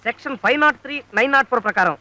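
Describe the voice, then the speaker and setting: A bragging small-town lawyer who bluffs and scolds his way through every scene. The voice rides high and rattles along quickly. Every line is a comic film boast. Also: expressive, pushed and bright, full character voice. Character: boastful, fast-talking small-time male lawyer. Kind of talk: film comedy dialogue.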